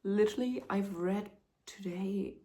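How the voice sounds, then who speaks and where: A young woman reading-vlogging casually, emotional and dramatic, tired and getting sick, so her voice often drops to a soft whisper. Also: medium pitch, unhurried. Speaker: book vlogger.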